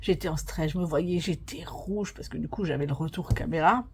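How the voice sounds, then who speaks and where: A woman vlogger telling a stressful story in casual, animated French, full of fillers and muttered inner-voice asides. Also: sits low, normal speed, slight background noise.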